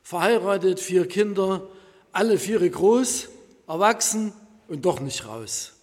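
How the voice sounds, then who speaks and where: A middle-aged man from Germany, leading the creed and preaching in a measured, solemn manner during a church service. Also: high-pitched, expressive. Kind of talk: church liturgy and sermon. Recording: long church reverb.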